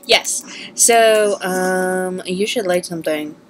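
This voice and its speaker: A woman's voice: on the low side, slow pace. Playful young woman host, let's-play banter, sing-songy delivery, noisy clicky home recording. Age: young adult. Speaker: gaming channel host. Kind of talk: casual let's-play chat.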